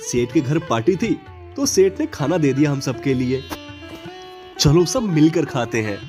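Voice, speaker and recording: A man voicing a poor, caring husband and father in an animated story, reassuring his wife. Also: a little high, measured pace, music in the background. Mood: cheerful.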